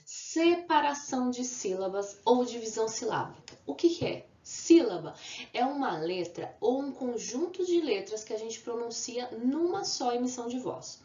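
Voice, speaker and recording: This teacher's voice sits on the high side, expressive and warm, at an ordinary speed. Teaching children by video, she patiently coaxes out example words, putting questions to the class and answering them on her own, recorded in an echoey room with somewhat dull sound.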